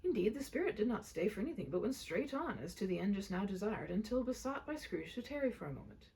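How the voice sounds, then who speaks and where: A woman reading a story aloud with an expressive, theatrical and emphatic delivery. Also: medium pitch, fast talker, slight background noise, poor audio. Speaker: reader.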